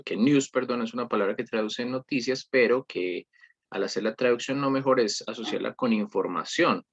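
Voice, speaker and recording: A man's voice: on the low side, a bit bright, highs cut off, slight background noise. A man reviewing an English workshop, patiently explaining and often correcting himself. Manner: patient, repeats "¿listo?" often; corrects himself mid-sentence. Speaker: English teacher. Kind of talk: screen-recorded lesson review.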